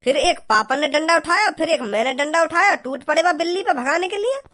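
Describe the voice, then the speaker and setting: A performer doing Bhajji, a squeaky cartoon bumpkin. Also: expressive, a little fast, bright, forceful tone. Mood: rambling. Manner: rambling, naive, stammering. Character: silly simple-minded village young man. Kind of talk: cartoon comedy voice acting.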